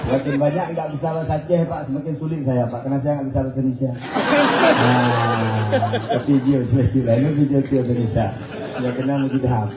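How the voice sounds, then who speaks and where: A man's voice: mid-range voice, fairly even intonation, fast, over a noisy crowd, heavy background noise. A man with an Acehnese accent giving a humorous Islamic sermon, joking and teasing the audience. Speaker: preacher. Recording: echoey, distant mic.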